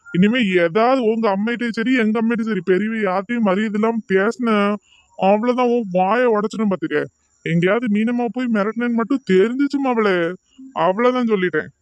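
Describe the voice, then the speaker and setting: A man's voice: high-pitched, clear, resonant tone, no room sound, close to an everyday voice. Man voicing a furious scolding husband. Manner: harsh, scolding, threatening. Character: furious threatening young husband. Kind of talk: cartoon drama voice acting.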